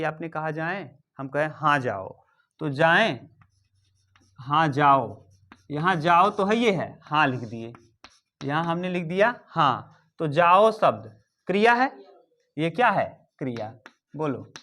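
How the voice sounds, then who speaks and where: A man's voice: fairly high pitch, pushed and bright. A male teacher giving an exam-prep grammar lesson, repeating key terms and quizzing and dictating to his students.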